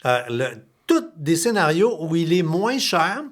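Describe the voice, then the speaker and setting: A man with a Québécois accent hosting a podcast, talking in an animated, colloquial way with casual swearing. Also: fairly high pitch, unhurried. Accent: Québécois French. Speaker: podcast host.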